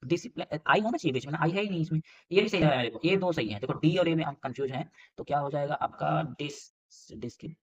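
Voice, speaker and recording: A man's voice: on the high side, fast, hardly any pauses, muffled recording. A man teaching a casual spelling quiz lesson, thinking aloud, spelling letters out and repeating words as he works through each answer. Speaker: English teacher for exam prep.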